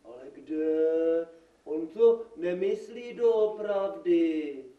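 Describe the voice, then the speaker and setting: A man's voice: fairly high pitch, lively intonation, muffled recording, natural voice. A man playing a jovial male devil who lectures people at a live puppet theater show, chuckling and playful. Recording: echoey room, from far off.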